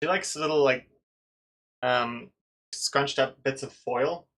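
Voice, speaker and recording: A speaker with a mid-pitched voice rambles in a casual chat as a webcomic artist. The delivery is hesitant and unscripted, like someone thinking out loud. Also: slow pace.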